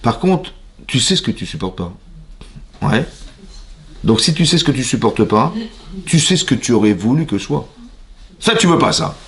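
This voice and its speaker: Gravelly-voiced French rabbi teaching. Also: male voice, medium pitch, normal speed, pauses often. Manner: animated, asks the audience questions, acts out little dialogues. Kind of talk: spoken Torah lesson. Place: synagogue.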